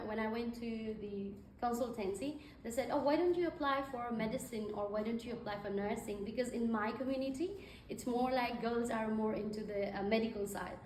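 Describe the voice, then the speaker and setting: A woman's voice: fairly high pitch, a little mellow, slight background noise. A young woman from Nepal giving a conversational speech at an event, full of fillers. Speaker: guest speaker. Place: event hall. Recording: echoey hall from far off.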